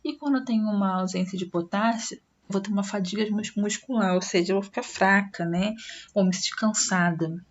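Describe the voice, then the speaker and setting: A woman's voice: mid-range voice, fairly even intonation, brisk, dull audio, slight background noise. A woman with a Brazilian Portuguese accent, a science teacher giving a recorded online class and explaining step by step with frequent tag questions.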